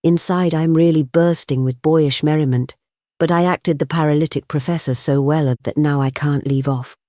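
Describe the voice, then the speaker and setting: An audiobook reader voicing a male impostor professor who tells his tale in a wry, measured, droll way. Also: medium pitch, steady tone, mellow, dry recording, studio quality, close to an everyday voice. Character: male impostor professor, dryly comic, rueful. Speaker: first-person storyteller in the novel. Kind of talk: audiobook character reading.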